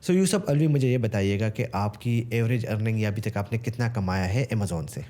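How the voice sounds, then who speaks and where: A man from Pakistan hosts a relaxed interview, his low, mellow voice steady and encouraging. He mixes English phrases into his questions as he draws out his guest. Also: normal speed. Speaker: interview host. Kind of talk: casual interview.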